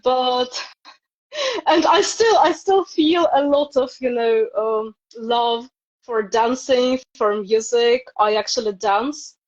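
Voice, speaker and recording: This thirty-something woman from Ukraine talks slowly in a voice on the high side, chatting casually as a guest on a video call interview. She speaks with a Ukrainian accent as a native Ukrainian speaker, and the stream audio is dull and lo-fi.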